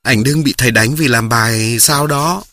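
A man reading the part of a tender, worried poor mother in a storybook, speaking her words softly and slowly. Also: medium pitch, no echo, clean studio sound.

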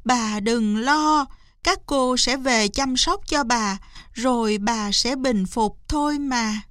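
A woman voicing a loyal little brown squirrel who calls out shrill and urgent in a storybook tale. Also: takes it slowly, no echo, studio quality. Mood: tearful.

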